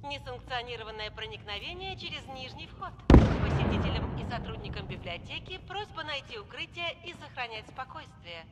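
Stern female security robot; high, lively pitch; distant loudspeaker with loud game noise behind. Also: normal speed, long pauses. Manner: formal, commanding alarm announcement.

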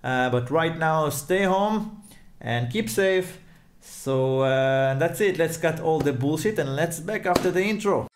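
A man's voice: fairly high pitch, lively intonation, unhurried. Man, casual and chatty, untreated home studio, heavy hall-like reverb. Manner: loose, chatty, searching for words. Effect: strong room reverb like a big hall echo. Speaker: music producer and tutorial host. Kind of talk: casual spoken intro to a music tutorial. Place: new home studio without acoustic treatment, echoey room.

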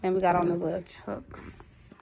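A woman's voice: fairly low pitch, monotone, normal speed, gravelly, dark tone, slight background noise. A young woman vlogging casually and slangily to camera, speaking with a slight lisp from wearing a retainer. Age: young adult. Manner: slangy, upbeat. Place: covered porch outside a brick house. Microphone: phone at arm's length.

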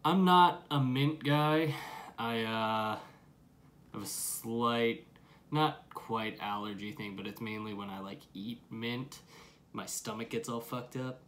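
A man's voice: medium pitch, fairly even intonation, takes it slowly, fairly bright tone. A young adult man giving a casual product review to camera, with slangy talk and plenty of swearing. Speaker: dip review vlogger. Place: small room at home, curtain behind.

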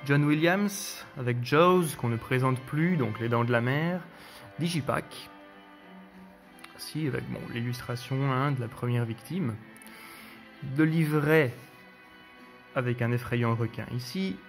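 A man hosting a casual spoken review of his collection, relaxed and hesitant, with frequent fillers and restarts. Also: medium pitch, unhurried, pauses often, faint music behind.

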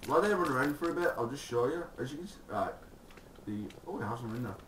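A man giving gameplay commentary, rambling and swearing, with sudden excited shouts. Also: mid-range voice, fast. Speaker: gaming video creator. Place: room at a computer. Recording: roomy, distant mic, loud keyboard noise.

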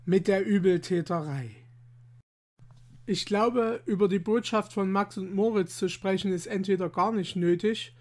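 A man hosting his own channel, reading a rhyming children's tale aloud with expressive, measured delivery and lively voiced quotes. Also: high-pitched. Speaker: children's storyteller and channel host.

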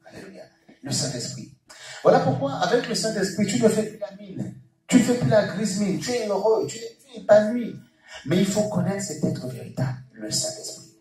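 A man preaching with fervour, his fairly high voice leaping up and down as he repeats phrases and calls out alleluia. He is heard from a distance in a very echoey church hall, with music playing clearly behind him. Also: darkish tone. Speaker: pastor. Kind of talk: sermon.

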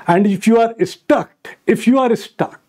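A man's voice: very high-pitched, measured pace, a little mellow. A middle-aged man with a North Indian accent teaching an exam-prep medical lecture, repeating key phrases for emphasis and mixing English with Hindi. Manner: switches between English and Hindi. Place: indoor studio in front of a slide screen.

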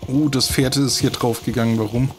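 A man's voice: mid-range voice, fairly even intonation, a little fast, a little hiss or hum. A man giving casual gameplay commentary as a let's play host, chatty and talking to the horses, with bursts of frustrated cursing. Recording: game sounds of horses and hooves loud behind. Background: game audio with horse hooves.

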